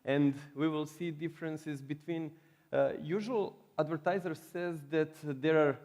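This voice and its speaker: A Serbian-accented man speaks to a conference audience with a playful, joking manner. His voice sits a little high for a man. It rings with the long reverb of a large hall. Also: steady tone, unhurried, a little mellow. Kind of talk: humorous presentation.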